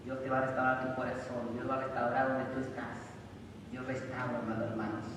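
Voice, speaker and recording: A man preaching a sermon and reading scripture, rising loudly for emphasis. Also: mid-range voice, monotone, brisk. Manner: emphatic, loud rises when reading scripture. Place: church sanctuary. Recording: echoey hall from far off, noisy.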